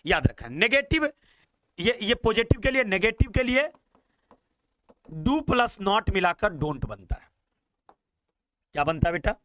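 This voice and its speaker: Hindi-accented male teacher, lively swooping delivery, crisp bright tone, repeats phrases slowly for learners. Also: high-pitched, no room sound. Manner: animated, coaxing students as "beta", repeats English slowly. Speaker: English teacher. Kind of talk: spoken English lesson.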